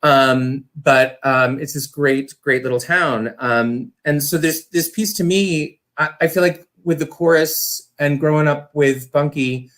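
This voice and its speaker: Enthusiastic and rambling, this interview guest explains his community theater directing work in a relaxed, conversational chat. His voice is a little high and fairly bright, and he talks unhurriedly with hardly any pauses.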